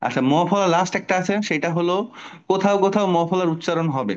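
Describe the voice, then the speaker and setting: A man's voice: sits high, lo-fi sound. Patient man teaching a children's class. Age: middle-aged. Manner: patient, explains slowly with questions to the class. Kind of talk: online Bangla spelling lesson for children.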